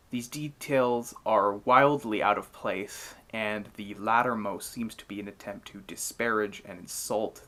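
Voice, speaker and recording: Low-voiced man narrating mythology. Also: fairly bright tone. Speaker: narrator, mythology channel host. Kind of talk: scripted explanatory narration and storytelling.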